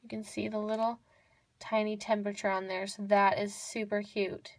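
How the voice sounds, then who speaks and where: A woman's voice: mid-range voice, little pitch movement, moderate pace, dry recording. Gushing young woman showing miniatures. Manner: gushing, repeats words for emphasis. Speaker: toy unboxing vlogger. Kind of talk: casual show-and-tell narration. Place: indoors at a table. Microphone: off-camera voice over hands-on tabletop close-up.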